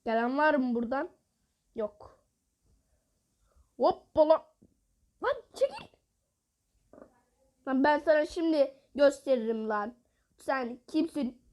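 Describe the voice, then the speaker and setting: A woman giving live gameplay commentary, excitable, bursting into exasperated outbursts and taunting opponents while talking to her viewers. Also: sits high, measured pace, pauses often. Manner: addresses viewers directly. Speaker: mobile game player.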